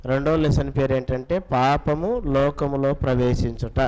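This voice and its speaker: A man teaching a children's Bible class, quizzing the children and urging them to answer loudly. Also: mid-range voice, unhurried, poor audio. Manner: coaxing, repeats questions, urges children to answer loudly.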